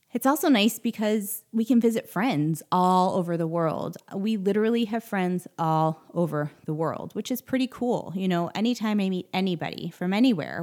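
A woman's voice: lowish voice, a little mellow. A woman in her thirties from the United States, hosting a casual solo podcast in a chatty, rambling way with frequent asides. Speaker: podcast host.

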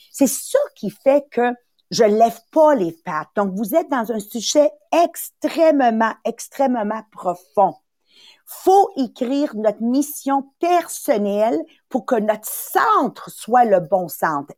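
Recorded at studio quality with no echo, a woman roughly sixty hosts a motivational talk, animated and emphatic, repeating herself and acting out little voices. Her voice is on the high side, and she carries a Quebec French accent though she was born in Italy. She works as a podcast host and sales coach.

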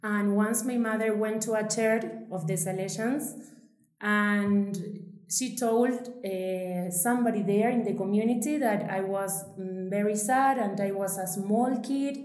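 An Argentine woman speaks slowly in a roomy, echoing space. Her English is a learner's, halting and sprinkled with Spanglish, carried by a native Spanish accent from Argentina. She talks conversationally, as a guest sharing her own story. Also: medium pitch, a little mellow. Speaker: podcast guest, youth worker. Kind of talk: conversational interview, personal storytelling.

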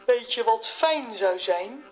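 A woman's voice: a little high, animated, slow, over music. A woman giving a friendly podcast outro, speaking directly to listeners. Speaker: podcast host.

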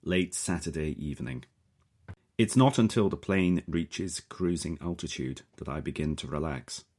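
Very deep-voiced male audiobook narrator. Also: normal speed, darkish tone. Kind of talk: scripted first-person audiobook narration.

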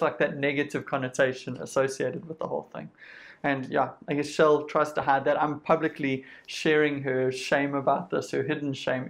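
A preacher with a creaky, medium-pitched voice and a South African accent talks through his sermon conversationally. Along the way he acts out people's speech with quoted voices and uses lists.

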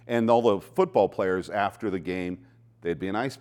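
A man's voice: low voice, normal speed, darkish tone. Casual, joking male talk show host. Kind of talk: casual, joking interview chat.

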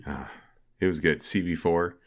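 A man in casual podcast banter with a deadpan delivery, as one of the co-hosts. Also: deep voice, normal speed. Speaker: podcast co-host.

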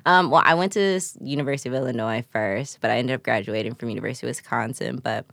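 A woman's voice: extremely low pitch, fast, vocal fry, fairly bright tone, dry recording, studio quality. A woman in her late twenties from Chicago, chatting casually as a guest, with frequent laughs, swearing and fillers. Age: 20s. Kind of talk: casual chat.

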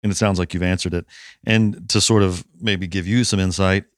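Low-voiced American podcast host. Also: male voice, fairly even intonation, brisk, dry recording, clean studio sound. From United States. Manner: self-deprecating, laughs easily, swears casually. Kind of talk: casual podcast interview.

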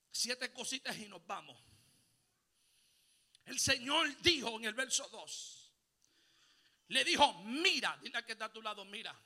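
A man preaching a Pentecostal sermon, calling on the congregation to repeat after him, mixing in English exclamations and building to shouts. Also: very high voice. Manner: call-and-response preaching, rising to shouts. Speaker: pastor.

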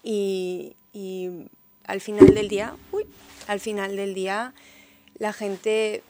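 A woman's voice: mid-range voice, flat delivery, takes it slowly, very noisy. A young woman with a mixed Spanish and Peruvian accent, chatting casually and telling her story in Spanglish. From born in New York, Peruvian and Spanish parents. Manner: Spanglish, dropping English words into Spanish. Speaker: interview guest, model and sustainable fashion advocate.

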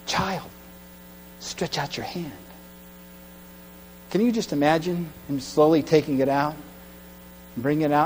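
A man preaching a sermon, retelling a story dramatically and swinging from hushed tones to loud cries. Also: a little high. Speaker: pastor. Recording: long hall reverb with mains hum.

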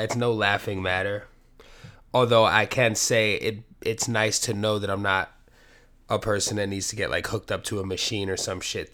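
Recording a casual solo podcast in his apartment despite a cold, a man sniffles and rambles, full of profanity and self-deprecating jokes. His voice sits on the low side with a slightly bright quality.

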